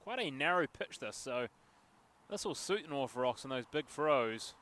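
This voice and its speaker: Male commentator, bright and forceful tone, chatty local football coverage outdoors with excited bursts. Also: mid-range voice, a little slow. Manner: chatty, jokey asides, excited bursts at chances. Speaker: match commentator. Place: outdoors at a local sports field. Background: passing traffic.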